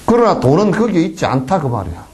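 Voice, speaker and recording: Speaking fast on the high side, a male Buddhist monk with a Gyeongsang Korean accent gives a down-to-earth dharma lecture in a temple hall. He fills it with rhetorical questions and mimicked flattery.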